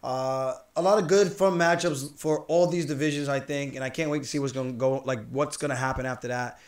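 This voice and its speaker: Brief: upbeat man from New York, quick talker, roomy echoey room. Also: mid-range voice, fairly even intonation. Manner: quick, upbeat, laughing storyteller. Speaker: podcast host and fighter. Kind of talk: casual chat. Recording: roomy echo.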